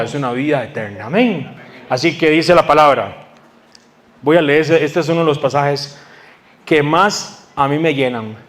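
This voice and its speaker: A man preaching a sermon to his congregation, asking them questions and answering them himself. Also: on the high side. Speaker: pastor.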